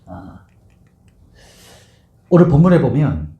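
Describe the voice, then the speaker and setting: A man's voice: mid-range voice, sing-song, takes it slowly, phone-quality sound. A man preaching a sermon as pastor, asking his congregation question after question and leading them in reading scripture aloud. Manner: asks the congregation many rhetorical questions; acts out the scene with voices. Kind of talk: expository sermon. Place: church sanctuary. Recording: echoey church sanctuary.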